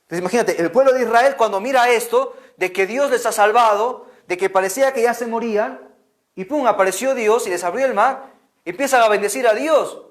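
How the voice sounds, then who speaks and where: A man telling a Bible story to children as a catechist, animated, often checking in with "¿no?" and making sound effects. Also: very high-pitched, brisk. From Peru. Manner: animated, lots of "¿no?" and "imagínate", sound effects like "pum".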